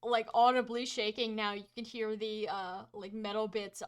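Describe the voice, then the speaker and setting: A woman's voice: medium pitch, little pitch movement, smooth. A woman narrating a tabletop game as game master in a casual, colloquial, improvised way. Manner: halting, colloquial, full of 'like'.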